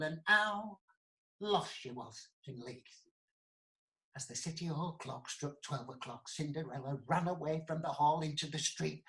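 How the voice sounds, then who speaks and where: Speaking straight to his audience, a man dramatically tells a funny pantomime story. His pitch is fairly high, and the recording is rough.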